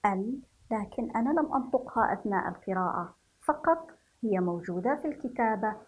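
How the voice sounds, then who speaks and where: A woman teaching first graders to read, stretching out each word slowly and praising them softly. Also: on the high side, expressive, narrow, tinny audio. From Yemen. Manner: slow, drawn-out syllables for children, praising softly. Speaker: primary school teacher. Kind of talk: children's reading lesson.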